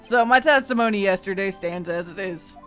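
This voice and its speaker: A woman's voice: mid-range voice, moderate pace, close to an everyday voice. Woman acting grumpy old man, folksy, rambling, forgetful, game character, music behind. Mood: sheepish, defensive. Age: older. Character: folksy, forgetful old man, evasive boat shop caretaker. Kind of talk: amateur video game voice-over.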